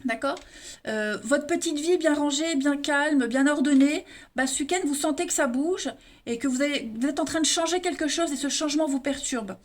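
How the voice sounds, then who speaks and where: A woman's voice: high voice, normal speed. A woman giving a casual tarot reading to her viewers, chatty and full of fillers and restarts, calling them her friends. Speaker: tarot reader.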